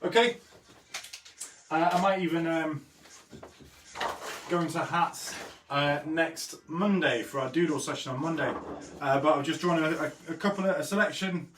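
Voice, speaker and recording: A man's voice: fairly high pitch, moderate pace, long pauses. Guy hosting a chill drawing stream, says w for r, bit far from the mic, faint noise. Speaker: host of an online drawing lesson. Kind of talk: casual live-stream chat while drawing. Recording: roomy echo, distant mic, faint noise.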